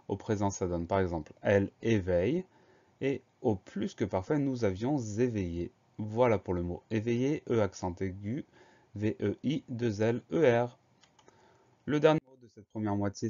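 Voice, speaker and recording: Low, mellow-voiced male spelling teacher. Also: highs cut off. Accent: French. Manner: slow, patient, spells words letter by letter. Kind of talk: spelling dictation lesson.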